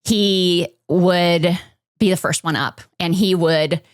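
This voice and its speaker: Podcast guest, woman, middle-aged, slightly low voice, reflective and halting, dry close mic. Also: steady tone, no room sound. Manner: reflective, halting, many fillers. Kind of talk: personal storytelling in an interview.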